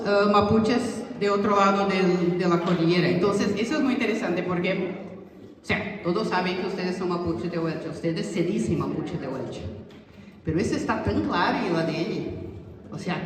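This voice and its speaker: Researcher explaining results to a community, mid-pitched, rephrases constantly, far off in a big reverberant hall. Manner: explanatory, many restarts and fillers like "o sea" and "es decir". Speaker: researcher presenting study results. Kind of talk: informal public talk to a community audience. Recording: echoey hall heard from far off, faint noise.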